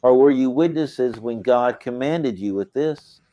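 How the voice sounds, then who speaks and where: A man's voice: medium pitch, measured pace, no echo, highs cut off. Man, scripture lesson, explanatory, self-questioning, dry close sound. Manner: explanatory, asks and answers his own questions. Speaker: Quran commentary teacher.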